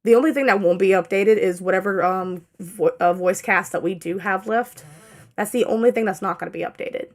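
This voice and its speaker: A young channel owner gives a casual update, rambling briskly with plenty of fillers and self-corrections. Her throat sounds dry and strained, and fatigue leaves her energy low.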